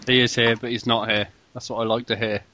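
Podcast host guy, bright kinda sharp voice, chatty, laughs a lot, swears casually. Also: medium pitch, level tone, brisk, a little hiss or hum. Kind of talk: casual chat about video games.

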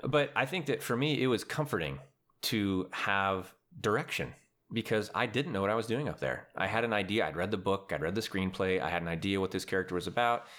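A man's voice: lowish voice, brisk, fairly bright tone. A man who acts in community theater, sharing earnest, reflective thoughts in a casual podcast chat.

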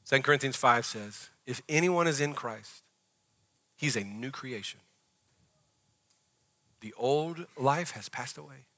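A man from the American South with a Southern accent, preaching a conversational sermon in a church and rising to loud, drawn-out prayer. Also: medium pitch, animated. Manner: drawn-out, emphatic phrasing in the closing prayer. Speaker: pastor. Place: church hall.

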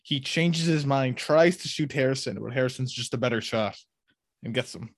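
A man's voice: mid-range voice, normal speed, no room sound, clean studio sound. Enthusiastic man who trails off mid-thought. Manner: enthusiastic, trails off, says "like" often. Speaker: podcast co-host. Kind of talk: casual chat reacting to a TV episode.

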